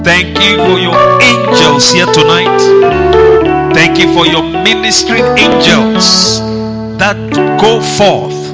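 A man preaching and praying to a congregation, repeating phrases in call-and-response and prompting people to shout amens. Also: high voice, slow pace, over loud music. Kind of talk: sermon and prayer to a congregation.

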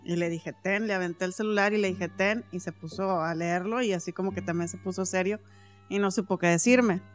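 A woman's voice: fairly low pitch, steady tone, brisk, faint music behind. A woman speaking earnestly in casual chat about something that happened to her.

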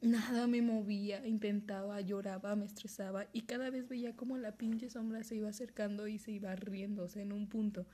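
A young woman with a Mexican accent chats on a podcast. She tells a scary story in a quick, excitable way. She swears freely and laughs as she talks, in a voice of middling pitch. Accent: Mexican Spanish. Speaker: podcast co-host. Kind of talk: casual podcast chat, telling a scary story.

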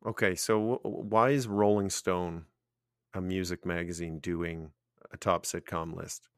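A man's voice: sits low, fairly even intonation, measured pace, clear, resonant tone, dry recording, studio quality. A man co-hosting a podcast in casual chat, playful and jokey in how he talks. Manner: playful, jokey, repeats goofy greetings. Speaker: podcast co-host.

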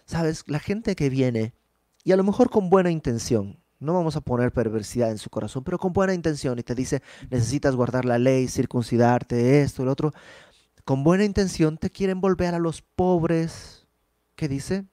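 A man's voice: on the high side, normal speed, warm tone, no room sound, studio quality. A man preaching a conversational sermon, explaining Bible verses with rhetorical questions and everyday examples.

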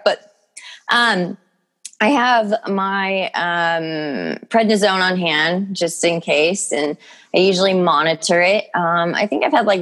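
This young adult woman has a medium-pitched, slightly bright voice as she shares her health story as a guest on a podcast. Her manner is loose and informal, with "like" and "you know" popping up constantly.

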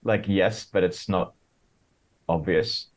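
A man's voice: deep voice, slow. A man as a podcast guest, talking casually and hesitantly, full of "like" and restarts. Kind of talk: casual interview chat.

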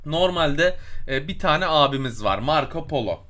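A man's voice: fairly high pitch, expressive, normal speed, pushed and bright. A man co-hosting a travel podcast, telling a long story in a casual, rambling way with many fillers. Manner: storytelling, explains at length with fillers and searches for words. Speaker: podcast co-host. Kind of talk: casual chat.

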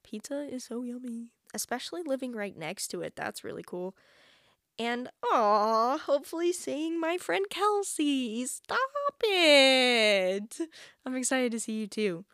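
Speaking at a measured pace, a woman in her twenties hosts a podcast alone, casual and chatty with heavy use of "like." Her high voice is expressive and a bit bright, captured in a dry, studio-quality recording.

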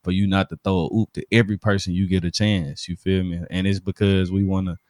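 In a casual conversation, a Southern-accented Alabama man who runs a DJ studio and does podcasts speaks fast in a deep, darkish voice with a level tone. He uses slang and keeps checking the listener is keeping up. The audio is clean studio sound with no echo.

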